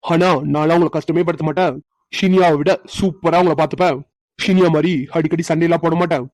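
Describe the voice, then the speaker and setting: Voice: medium pitch, fairly even intonation, fast, a little mellow, dry recording, natural voice. A performer voicing a playful young husband in a cartoon who teases his wife with chuckles. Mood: teasing. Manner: teasing, chuckling. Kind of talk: cartoon voice acting.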